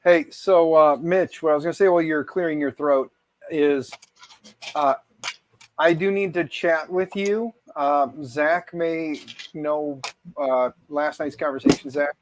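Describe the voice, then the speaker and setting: A man's voice: fairly high pitch, steady tone, a little slow, a little hiss or hum. A man hosting a casual live stream chat, talking in a loose, meandering way. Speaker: host.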